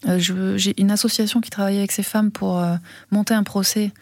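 Brief: French woman filmmaker, interview guest, gravelly texture, hesitant and searching for words, dry close sound. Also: mid-range voice, little pitch movement, brisk, a little mellow, no room sound. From France. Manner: hesitant, many fillers and restarts. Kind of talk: interview conversation.

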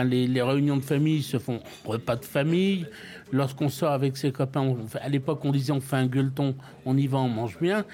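Older French man, restaurateur, halting and repetitive, mid-pitched. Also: a little mellow. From France. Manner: hesitant, frequent repeated words and restarts. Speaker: restaurant owner. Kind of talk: interview, casual storytelling.

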